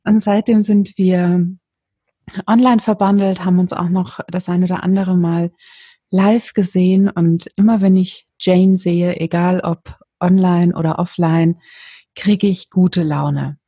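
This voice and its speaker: A woman hosts her own podcast interview and talks warmly and effusively. Her voice is low, mellow and husky. The recording is dry and close. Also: fairly even intonation, a little slow, no echo. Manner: warm, enthusiastic, effusive. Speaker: podcast host.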